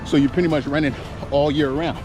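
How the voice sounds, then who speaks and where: A man's voice: fairly high pitch, steady tone, a little fast, background noise. An American man in his forties chatting casually and a bit ramblingly while jogging outdoors. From United States. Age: 40s. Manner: laid-back, rambling, talking while jogging. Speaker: running vlogger. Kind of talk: casual vlog chat while running. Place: outdoors, on a run. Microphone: handheld action camera. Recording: action camera outdoors with music behind.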